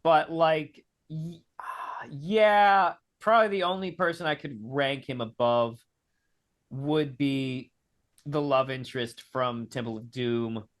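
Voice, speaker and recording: A man's voice: medium pitch, steady tone, takes it slowly. A man hosting a casual film discussion over a video call, hesitant and full of "like"s. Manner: hesitant, filler-heavy with many "like"s. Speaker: host.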